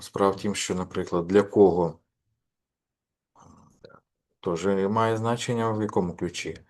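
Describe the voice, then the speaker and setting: A man's voice: deep voice, a little mellow. A man giving a course lecture, hesitant, with many fillers and restarts.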